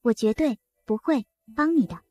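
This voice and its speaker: A woman's voice: a little high, moderate pace, darkish tone, faint music behind, natural voice. A woman voicing an upright, stern old father lying in a hospital bed, speaking firmly.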